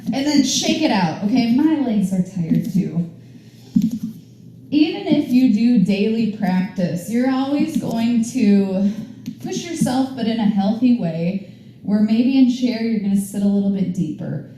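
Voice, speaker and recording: A woman's voice: on the high side, lively intonation, unhurried, dark tone, very echoey, a little hiss or hum, poor audio. A woman teaching a yoga class, guiding poses with upbeat, chatty encouragement. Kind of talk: guided yoga class instruction. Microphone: camera mic at a distance.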